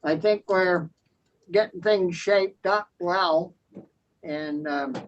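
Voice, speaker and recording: A committee chair running a meeting over a video call, halting and full of fillers. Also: medium pitch. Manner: hesitant, halting, many fillers. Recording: dull lo-fi audio.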